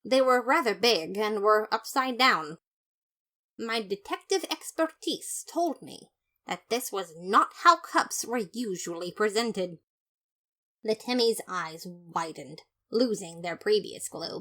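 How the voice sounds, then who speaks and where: With a fairly bright, mid-range voice, a woman voices a fussy, pompous skeleton detective. She tells the story in first person, dripping with haughty, theatrical disapproval.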